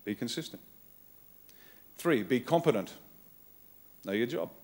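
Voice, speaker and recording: A man's voice: mid-range voice, expressive, a little slow. A middle-aged man with an Australian accent delivers a keynote from a conference hall stage, his mid-range voice carried by a podium microphone. He speaks in short, emphatic bursts and drives each point home by repeating it. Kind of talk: rousing political keynote speech. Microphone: podium microphone on a stand.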